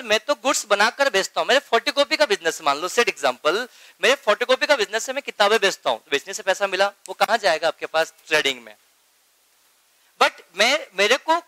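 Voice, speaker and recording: A male accounting teacher lecturing a class, with a high-pitched and bright, forceful voice. He drills key terms by repeating them and keeps checking that his students follow. The sound is dry and close, with no room echo. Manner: keeps asking students if they follow, calls them beta; mixes Hindi with English accounting terms.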